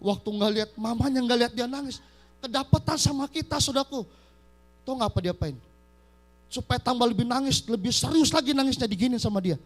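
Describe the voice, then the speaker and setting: A man's voice: extremely high pitch, a little fast, soft background music. A male pastor preaching a live church sermon, emphatic and constantly addressing his congregation as brothers and sisters. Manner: acts out quoted voices. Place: church service.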